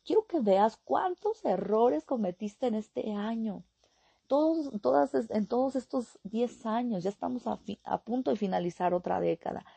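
A woman's voice: a little high, animated, moderate pace, vocal fry, warm tone, slightly rough, no room sound. A woman giving a motivational coaching talk, often checking in with rhetorical questions. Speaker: life coach.

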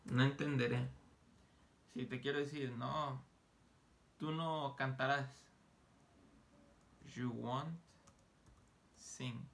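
A man teaching an online English lesson, explaining grammar casually and slowly sounding out English example phrases. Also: medium pitch, fairly even intonation, gravelly, fairly bright tone. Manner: slow, deliberate modeling of English phrases; casual, joking asides.

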